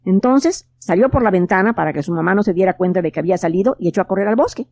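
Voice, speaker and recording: A woman narrating a children's story in a gentle, expressive way. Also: medium pitch, fast talker, no echo.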